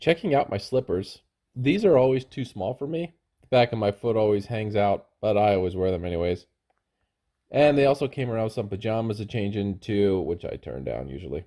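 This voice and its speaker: A man narrating a travel review casually, in a plain, low-key, informal way. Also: mellow. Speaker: travel vlogger.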